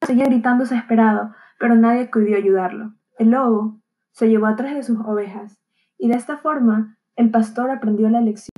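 A woman narrating a fable as a gentle, calm bedtime story. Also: on the high side, fairly quick, low-quality recording.

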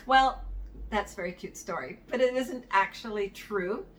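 A woman's voice: medium pitch, moderate pace. A middle-aged woman, a practice management consultant, giving conversational advice with small anecdotes. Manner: conversational, tells anecdotes, chuckles now and then. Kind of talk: solo advice talk to camera. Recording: somewhat distant mic with faint background noise.

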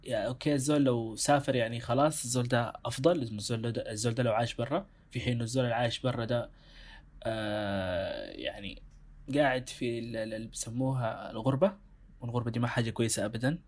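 A man's voice: mid-range voice, fast talker. A man with a Sudanese accent co-hosting a casual discussion, reflective and thinking aloud as he circles back to his point. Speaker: show co-host.

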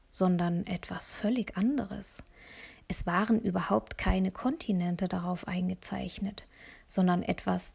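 A woman narrating a children's audiobook in the first person, lively, with soft breathy asides. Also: mid-range voice.

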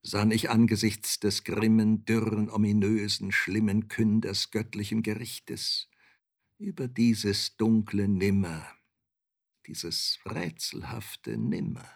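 A man giving a theatrical poetry recitation, sinking to hushed murmurs and rising to impassioned outcries. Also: fairly low pitch, takes it slowly, vocal fry.

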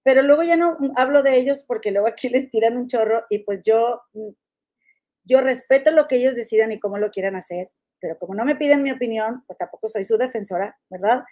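Regia lady gossip podcast host, kinda high voice but mellow, chatty, reads out comments. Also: a little fast. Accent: Monterrey Mexican Spanish. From Monterrey, Mexico. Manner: chatty, reads listener comments, calls listeners comadres. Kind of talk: casual gossip chat with listeners.

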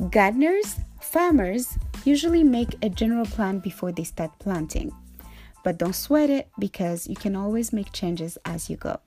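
A young Rwandan woman hosts her own podcast, delivering a motivational solo monologue in an upbeat, playful way. Her voice sits in the mid range with a warm tone.

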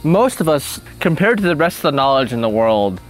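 A man's voice: mid-range voice, very animated, a little fast, faint music behind. A young man in casual chat, answering would-you-rather questions, playful and thinking aloud with frequent laughs.

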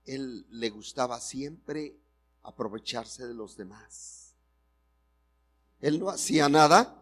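A man's voice: mid-range voice, a bit bright. A male pastor preaching a sermon, telling a story and acting out the characters' lines while speaking directly to the congregation.

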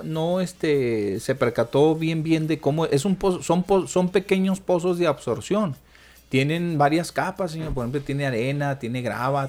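A man's voice: mid-range voice, darkish tone. A man with a northern Mexican border accent talks casually as a radio call-in host, explaining things in colloquial words and often checking for agreement.

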